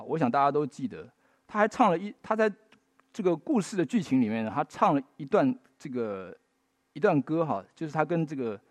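A man's voice: on the high side, no echo. A man preaching a sermon in Mandarin, telling stories with folksy tag particles and rising to emphatic bursts. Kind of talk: sermon with storytelling.

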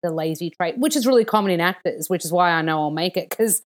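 A young adult woman, an actor chatting as a podcast guest and telling stories with animated enthusiasm. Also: on the low side, fast talker. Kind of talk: casual chat.

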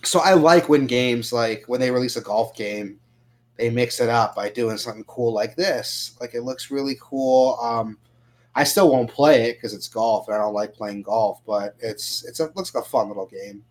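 Casual swearing gaming podcast host. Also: male voice, medium pitch, moderate pace, a little mellow. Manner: casual, swears freely, lots of fillers. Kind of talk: casual gaming news chat.

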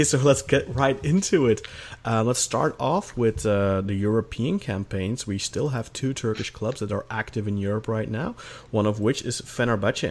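A man's voice: on the low side, darkish tone. A man of thirty from Belgium, hosting a football podcast in an upbeat, organized way. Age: 30s. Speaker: podcast host. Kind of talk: casual chat.

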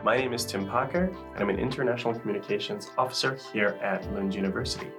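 A man with a lowish voice hosts a university podcast in a studio, talking quickly over music on a rough recording. In this scripted intro and interview, he presents the show and asks his guests upbeat questions.

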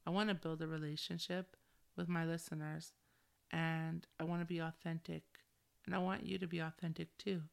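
A woman's voice: low-pitched, level tone, moderate pace, vocal fry, clean tone. A middle-aged woman talking candidly on a solo podcast in a chilled, slangy way, with a valley-girl habit of peppering sentences with "like". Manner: valley-girl style with frequent "like". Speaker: podcast host.

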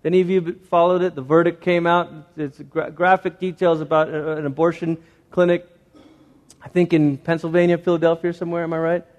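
A man's voice: fairly high pitch, flat delivery, fairly quick, darkish tone, lo-fi sound. A man preaching an evangelical sermon as a pastor, exhorting his congregation with rhetorical questions and short repeated phrases. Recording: reverberant hall.

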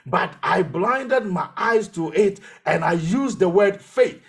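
High-voiced man preaching a sermon. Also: expressive, slow, a bit bright. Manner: preaching with testimony, repeating phrases for emphasis. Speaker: pastor.

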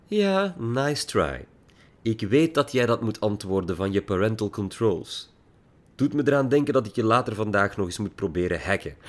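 A man reading an audiobook and voicing a spirited, wry teenage girl who teases quickly and brightly. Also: fairly low pitch, vocal fry, breathy edge, full character voice. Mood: teasing. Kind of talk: audiobook character voice.

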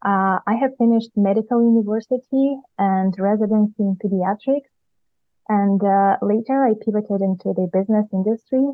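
Woman panelist from Ukraine, careful and deliberate; thin phone-line sound. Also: mid-range voice, no room sound, soft background music. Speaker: MBA student panelist. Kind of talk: podcast interview answers. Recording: phone-like remote recording.

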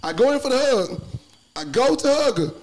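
A podcast co-host with a very high-pitched voice, speaking at a moderate pace, tells a story animatedly during a casual group conversation. He acts out what people said as he goes.

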